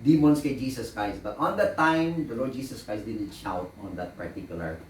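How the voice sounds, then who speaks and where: A man's voice: mid-range voice, lively intonation, moderate pace, slight background noise. A man preaching a sermon as pastor, telling stories and mixing Tagalog and English, often laughing at his own anecdotes. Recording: echoey room, voice from a distance.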